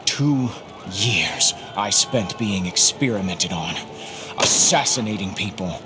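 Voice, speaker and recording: An actor playing a brooding, guilt-ridden soldier turned hero in a video game, weary but loyal, with a grave, understated delivery. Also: male voice, sits low, expressive, slow pace, over music. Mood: haunted, regretful. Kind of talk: cinematic video game acting and narration.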